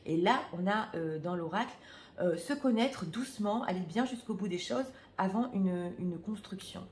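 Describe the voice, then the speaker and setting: A woman's voice: mid-range voice, normal speed, darkish tone, reverberant, a little hiss or hum. A French-speaking woman reading tarot cards for her viewers in a casual, hesitant way, full of fillers and restarts. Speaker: tarot reader.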